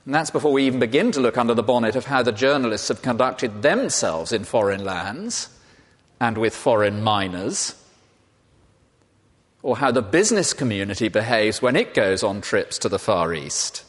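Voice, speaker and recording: A man delivers a sermon with emphatic, repeated phrases that build on one another. His mid-pitched voice rings out with a long reverb, as if filling a large church. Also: animated, normal speed. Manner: emphatic, rhetorical repetition. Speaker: preacher.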